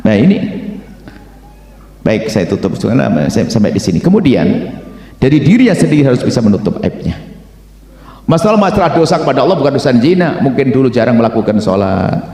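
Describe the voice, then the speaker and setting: A man preaching a sermon, acting out the voices in a story and swinging from hushed tones to shouting. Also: mid-range voice, big pitch swings, brisk, pauses often. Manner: acts out dialogue in a story, swings from quiet to shouting. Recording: echoey hall, long reverb.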